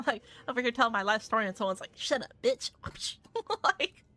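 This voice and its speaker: A woman's voice: a little high, fairly quick, bright, forceful tone. A young adult woman hosting a live gaming stream, chatting casually and swearing freely, with lots of "like" fillers. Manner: loose and profane, heavy use of "like" fillers. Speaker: streamer hosting viewer games.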